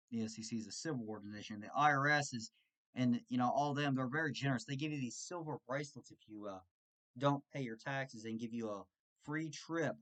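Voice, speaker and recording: A man hosting his channel, telling a story about a scam call in a sarcastic, animated way. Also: medium pitch. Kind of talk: casual storytelling monologue.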